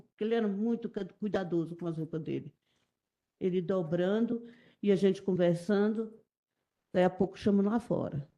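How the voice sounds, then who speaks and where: A middle-aged Brazilian woman giving halting, repetitive, emotional testimony as a witness in a courtroom. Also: fairly low pitch, mellow. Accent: Brazilian Portuguese. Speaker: witness testifying in a jury trial.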